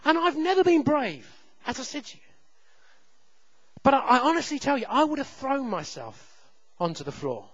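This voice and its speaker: A man in his thirties preaching a sermon, telling a personal story with self-deprecating humor and loud shouted reenactments. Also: extremely high pitch, big pitch swings, normal speed, pauses often, no echo, lo-fi sound. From England.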